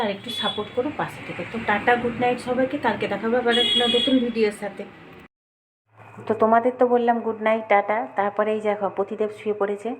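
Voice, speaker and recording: A woman's voice: medium pitch, darkish tone, a little hiss or hum, rough recording. A middle-aged woman chatting to her viewers in a casual home vlog, confiding and talkative. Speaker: home vlogger. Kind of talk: casual daily-life vlog talking to viewers. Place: home kitchen indoors.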